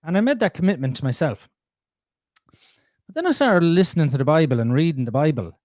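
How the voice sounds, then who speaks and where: A man telling his life story as a podcast guest, blunt and animated, swearing freely. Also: a little high, fairly quick, dry recording. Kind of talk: candid conversational storytelling.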